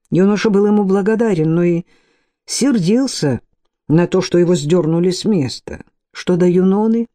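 A woman narrating an audiobook in a measured, expressive reading. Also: on the low side. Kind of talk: scripted narration.

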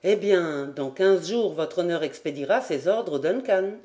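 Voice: mid-range voice, animated, measured pace, dark tone, close to an everyday voice. An audiobook reader voicing a young male ship's captain who speaks earnestly and with some impatience. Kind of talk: audiobook character voice.

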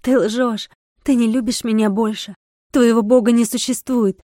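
A woman's voice: a little high, steady tone, moderate pace, dark tone, no echo, clean studio sound, natural voice. A woman reading aloud, voicing a wild, passionate young village woman who pleads and argues. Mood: defiant. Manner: pleading, impassioned.

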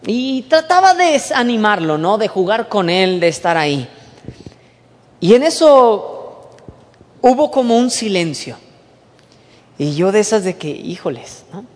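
A man with a Mexican accent preaching a sermon, moving from soft, hushed storytelling to emphatic preaching. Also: high voice, big pitch swings, measured pace, pauses often. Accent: Mexican Spanish. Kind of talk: sermon with personal testimony. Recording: long hall reverb.

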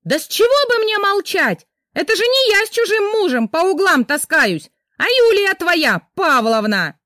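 A woman's voice: very high-pitched, big pitch swings, moderate pace, sharp tone, no echo, clean studio sound, voice pushed up, full character voice. A woman voicing a jealous young wife who screams accusations at her husband, in an audiobook reading. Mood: furious shrieking. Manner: shrieking accusations. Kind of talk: audiobook character voice.

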